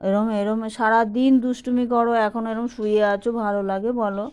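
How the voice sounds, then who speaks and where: A woman's voice: on the high side, fairly even intonation, a little fast, a little mellow, clear, resonant tone. A woman, pleading and coaxing her sleeping pet in repetitive baby-talk. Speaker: pet owner.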